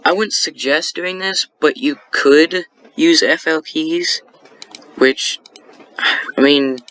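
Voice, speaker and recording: Explaining his beat-making process in a laid-back screen recording, a young man wanders through his points with lots of fillers and corrections of himself. His voice is a little high, pushed and bright, and he speaks slowly.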